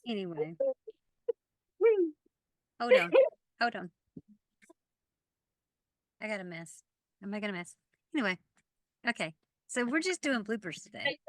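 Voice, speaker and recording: A woman's voice: medium pitch, lively intonation, unhurried, long pauses, no room sound, clean studio sound. A woman in her fifties, co-hosting a podcast with casual, good-humored chat that rambles between thoughts. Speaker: podcast co-host. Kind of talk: casual chat over wine.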